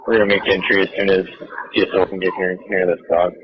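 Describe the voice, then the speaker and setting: A man's voice: low voice, flat delivery, quick pace, slightly rough, dry recording. A man speaking as a police officer at a scene, giving clipped, businesslike calls over a walkie-talkie. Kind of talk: terse police radio calls. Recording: archival lo-fi police radio.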